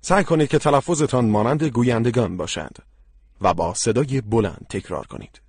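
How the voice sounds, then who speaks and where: A man narrating a language course as its instructor, speaking in a slow, deliberate and instructive way. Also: medium pitch, lively intonation, a little mellow, slightly rough, no room sound.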